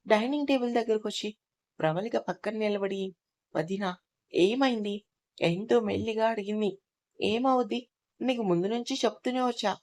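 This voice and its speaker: A woman's voice: medium pitch, a little mellow. Woman reading a Telugu audio story. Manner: voices every character herself, with small shifts. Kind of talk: scripted audio story narration.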